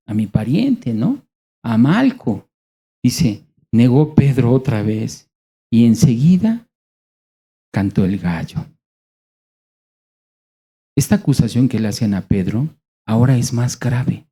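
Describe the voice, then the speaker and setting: A male preacher with a Mexican accent and a very dark, mellow voice. He teaches in a conversational way, asking his listeners questions and pausing for effect. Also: medium pitch, big pitch swings, slightly rough. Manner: conversational, rhetorical questions, dramatic pauses. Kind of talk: sermon.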